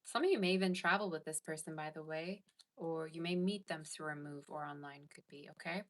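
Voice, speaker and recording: A low-pitched woman talks briskly through an informal tarot reading for her viewers. She's chatty and reads live chat comments aloud, answering as she goes.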